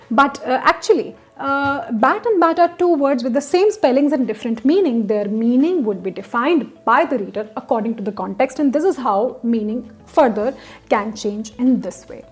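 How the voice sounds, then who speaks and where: A woman giving an explanatory lecture as a literature teacher, repeating example sentences with shifting stress and pausing often on hesitant fillers. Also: on the high side, breathy edge.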